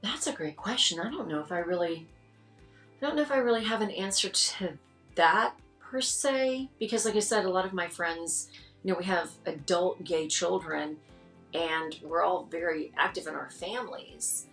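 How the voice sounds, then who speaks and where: A woman's voice: moderate pace, soft background music. Middle-aged woman telling stories, roomy echo. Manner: animated, acts out quotes with rising pitch. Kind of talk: candid interview storytelling.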